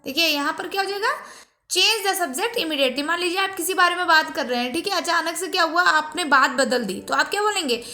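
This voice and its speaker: A woman, recording an exam-prep lesson. She explains patiently, repeats key words and reads English sentences slowly. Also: extremely high pitch, lively intonation, bright, forceful tone.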